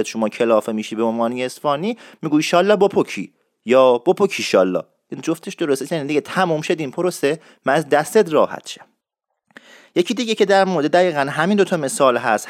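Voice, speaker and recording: A man teaching dialect expressions, explaining in a lively way and repeating words slowly for learners. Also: medium pitch, no echo, studio quality. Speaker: language teacher.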